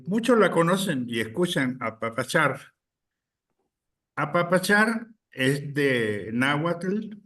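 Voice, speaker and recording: A man from Chile, a guest speaker, giving a deliberate political talk with many pauses and fillers. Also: on the high side, fairly bright tone, far from the mic.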